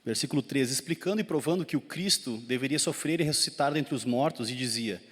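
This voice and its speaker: A man's voice: medium pitch, quick pace, a bit bright. A man with a Gaúcho Brazilian accent preaching a sermon as pastor, swelling in intensity and putting questions to the congregation. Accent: Gaúcho Brazilian Portuguese. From southern Brazil (Rio Grande do Sul). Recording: long church hall reverb.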